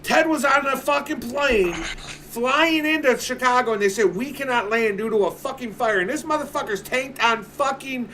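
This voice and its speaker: A man's voice: very high voice, lively intonation, normal speed, bright, forceful tone. A man in his forties, a livestream host, chatting casually in a blunt, swearing manner. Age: 40s. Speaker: streamer. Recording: distant mic with background noise.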